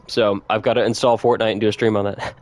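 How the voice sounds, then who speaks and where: A man chatting casually with viewers on a gaming livestream, laid-back and quick to laugh. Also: fairly low pitch, no room sound. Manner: relaxed, chatty, laughs often, reads notes aloud. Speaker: streamer.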